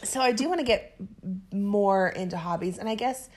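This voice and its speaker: A woman's voice: mid-range voice, moderate pace, a little mellow. A woman in her twenties co-hosting a podcast, chatting casually and candidly, self-deprecating and often laughing. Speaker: podcast co-host. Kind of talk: casual chat.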